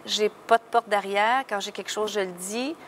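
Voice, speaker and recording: A chatty woman singer with a strong Québécois French accent, frank and quick to laugh. Her voice sits mid-range. A faint hiss of noise hangs behind her. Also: mid-range voice. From Quebec. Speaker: singer guest. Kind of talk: casual interview.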